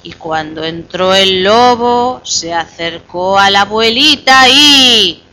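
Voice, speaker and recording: A woman telling a fairy tale to a small child, slowly and playfully, pausing so the child can finish the lines. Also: mid-range voice. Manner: slow and animated, coaxing the child to finish lines. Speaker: storyteller to a child.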